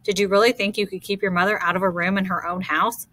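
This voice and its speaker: A woman voicing a loving, gently teasing mother in an audiobook, speaking softly and reassuringly. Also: medium pitch, steady tone, fast talker. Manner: soft, reassuring.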